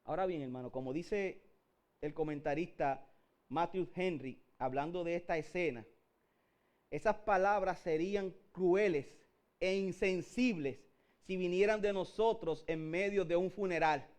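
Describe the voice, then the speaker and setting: A man's voice: high-pitched, a little slow, a little mellow. A man with a Puerto Rican accent preaching a sermon, calling his listeners "brother" again and again and building up to emphatic peaks. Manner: addresses listeners as "hermano" constantly, rising to emphatic peaks.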